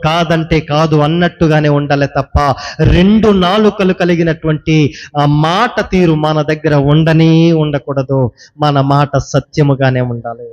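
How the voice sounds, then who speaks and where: A man with a high, ringing voice delivers a sermon. He hammers home each point by repeating his phrases and turning questions straight at the listener. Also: highs cut off. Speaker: preacher.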